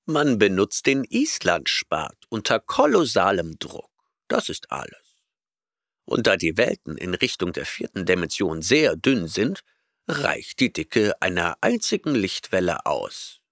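A man's voice: low voice, vocal fry, dry recording, studio quality, heavily acted. A man reading an audiobook voices an arrogant, eccentric male professor who lectures impatiently and snorts at his listener.

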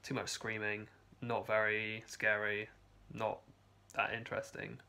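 A man's voice: on the low side, monotone, unhurried, gravelly, bright, forceful tone. A young man chatting casually to a phone camera in his home basement, rambling with many restarts and fillers. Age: young adult. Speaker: vlogger. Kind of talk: casual video diary. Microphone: phone camera held close.

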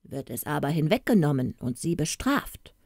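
A woman voicing a brutish, all-knowing male ogre in a fairy-tale audiobook, gruff and grumbling. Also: low voice, sing-song, normal speed, a little mellow, no room sound, studio quality, pitched below the performer's own voice, full character voice. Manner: gruff, growling.

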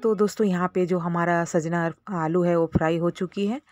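A woman's voice: lowish voice, steady tone, moderate pace, a little mellow, soft background music. A woman narrating a casual cooking tutorial for her channel, explaining each step in a chatty way with small fillers. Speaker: cooking vlogger.

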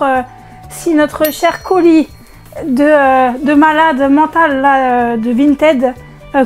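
A woman unboxing video games in a casual vlog, excitable and chatty, with a strained voice she tries not to push. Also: high voice. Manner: excitable, chatty, many fillers. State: strained voice, holding back from shouting. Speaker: vlogger.

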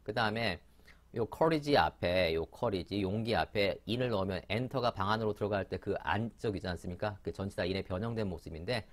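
A man giving a chatty vocabulary lesson, often pausing with fillers and correcting himself. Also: lowish voice. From Korea. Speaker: English vocabulary teacher.

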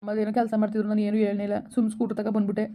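A woman's voice: mid-range voice, very fast, natural voice. A woman playing soothing young lover Sharath. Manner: soothing, urging calm, repeating himself. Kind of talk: village skit acting. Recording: dull lo-fi recording.

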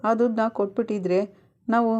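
A woman's voice: a little high, steady tone, a little fast, a little mellow, lo-fi sound, lightly acted. A woman voicing an upset young wife who complains of being left alone to blame. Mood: hurt. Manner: complaining, hurt.

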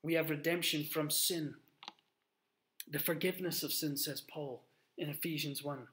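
Speaking into a webcam on his desk in a small, plain room, a man in his thirties delivers a sermon. His voice is slightly high, fairly bright, and fairly even in intonation, earnest and emphatic, with pauses and restarts, over a little hiss or hum.

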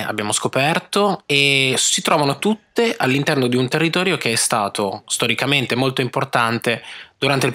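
A man's voice: medium pitch, pushed and bright. A man giving scripted voice-over narration for a travel vlog.

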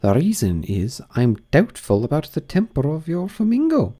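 A man voicing an ugly, chummy old noblewoman who finds a moral in everything, in a high, drawn-out, sing-song voice. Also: huge pitch swings, dark tone, husky, heavily acted. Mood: gushing, moralizing.

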